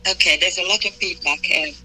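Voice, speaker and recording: A woman's voice: lowish voice, brisk, pushed and bright. A woman, a guest on a phone call, answering politely and briefly. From England. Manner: polite, says "yes, sir" and gives short replies. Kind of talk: casual chat. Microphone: phone without headset.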